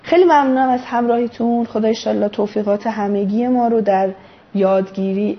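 A woman's voice: medium pitch, lo-fi sound. A woman leading an online religious study session, explaining things thoughtfully and correcting herself as she goes. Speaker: religious study group leader.

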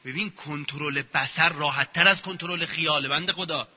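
A man's voice: on the high side, slightly rough. A man giving an informal religious lecture, sarcastic and acting out mocking examples as he talks. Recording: muffled echoey hall recording.

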